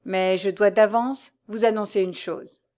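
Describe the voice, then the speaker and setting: A woman voicing a calm, mysterious male nobleman with a cool, measured way of speaking. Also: mid-range voice, natural voice.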